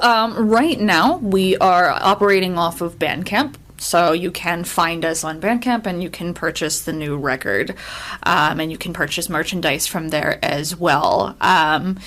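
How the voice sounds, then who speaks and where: A woman's voice: fairly low pitch, fairly bright tone. A woman in a metal band, talking in an interview and plugging the band's music in an upbeat, matter-of-fact way. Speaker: band member. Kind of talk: casual interview chat.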